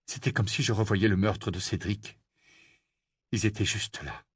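A man's voice: fairly low pitch, steady tone, normal speed, slightly rough, no echo, clean studio sound. A man voicing a weary, defensive teenage boy. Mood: guarded.

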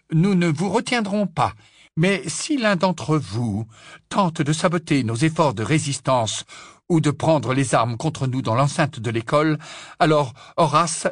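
A man voicing a stern older female witch professor who gives clipped orders and shouts when roused. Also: on the high side, lively intonation, a little slow, no echo, clean studio sound, voice pushed up.

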